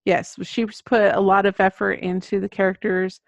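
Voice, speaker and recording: This American woman's mid-range, gravelly voice shows little pitch movement and moves at a moderate pace as she guests on a podcast as a children's book author. Earnest and conversational in her explanations, she's captured in a dry, muffled, dull lo-fi recording.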